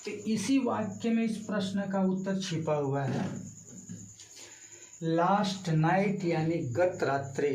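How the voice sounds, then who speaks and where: A man teaching an exam-prep grammar lesson, explaining each answer option slowly and step by step. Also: high-pitched, darkish tone. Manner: slow, explanatory, walks through each option. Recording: echoey room, mic far off.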